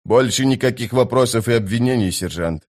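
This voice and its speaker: A man voicing a cold, hard assassin who speaks low, quiet and clipped. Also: fairly quick, natural voice.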